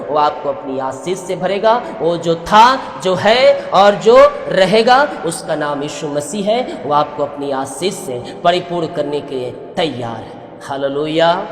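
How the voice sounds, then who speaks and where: A male pastor preaching an impassioned sermon, declaring and calling out hallelujahs. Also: a little high. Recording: echoey hall reverb.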